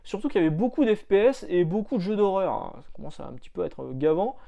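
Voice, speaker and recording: A man with a gravelly, mellow voice chats casually about comics and games. He rambles with plenty of fillers and restarts, like a shop owner talking to his regulars. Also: high-pitched, expressive, quick pace. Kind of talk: casual chat.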